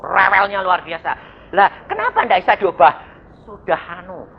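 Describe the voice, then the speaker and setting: Male evangelist, lively sermon storyteller who acts out voices, dull lo-fi recording. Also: sits high, moderate pace, creaky, slight background noise. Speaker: evangelist preacher.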